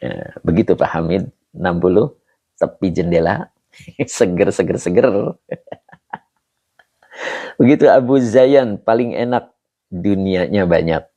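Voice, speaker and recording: A middle-aged man teaching an Arabic religious text on a livestream, reading viewers' comments and joking with them in a relaxed way. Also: low-pitched, slow pace, long pauses, no echo, dull audio. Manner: reads comments, jokes with viewers. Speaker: kitab teacher. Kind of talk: live-streamed kitab lesson. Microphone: phone or camera on a stand.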